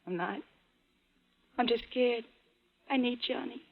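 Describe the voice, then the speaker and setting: An actress playing a frightened, lovelorn young American woman in a 1940s radio drama, earnest and halting. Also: on the high side. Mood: shaken, yearning. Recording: tinny old radio broadcast.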